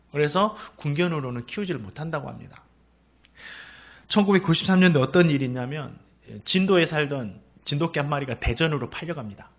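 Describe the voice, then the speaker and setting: A man with a high-pitched voice delivers a Sunday sermon in a storytelling way. He moves between quiet asides and loud, stretched-out declarations. The recording is dull and lo-fi. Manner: storytelling preaching, swings from hushed to loud exclamations; stretches out words slowly for emphasis. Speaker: pastor.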